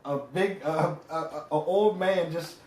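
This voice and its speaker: A man's voice: on the high side, a little slow, darkish tone. A man co-hosting a casual basketball talk show, playful and fond of repeating phrases for emphasis. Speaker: co-host. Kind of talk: casual sports chat. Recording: echoey room, mic set back.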